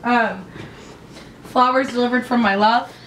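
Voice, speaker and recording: A woman's voice: fairly high pitch, fairly even intonation, unhurried, fairly bright tone. A young woman with a bubbly, joking sorority-girl manner, giving a casual room tour on a handheld camera. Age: young adult. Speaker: vlogger. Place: small bedroom and bathroom indoors. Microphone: handheld camera at a short distance. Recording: noisy camera audio, room ambience.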